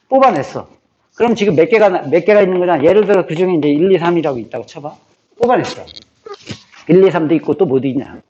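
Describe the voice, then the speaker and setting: Male math teacher, higher pitch, drilling repetition, lo-fi classroom recording with light hiss. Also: darkish tone. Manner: checks in with listeners, often tacking on a questioning "eo?"; repeats key phrases over and over for memorization. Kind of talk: classroom lecture on combinatorics. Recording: slightly dull, faintly noisy lecture recording.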